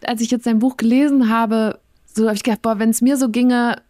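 A woman's voice: a little high, steady tone, normal speed, dark tone, no room sound. Female podcast host: attentive, empathetic interviewer, dry sound. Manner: attentive, empathetic, frequent murmured agreement.

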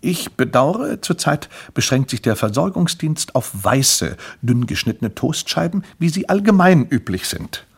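High, eager little boy pitching toast, polite and lively, as a man reads him; gravelly edge. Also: a little slow, hardly any pauses, exaggerated voice. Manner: polite, bright, salesman-like. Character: eager young boy running a toast business.

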